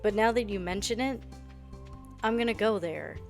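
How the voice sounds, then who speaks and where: A woman's voice: medium pitch, normal speed, vocal fry, soft background music. A young woman giving casual, sarcastic commentary while she plays a game, often sounding exasperated. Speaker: gaming video creator.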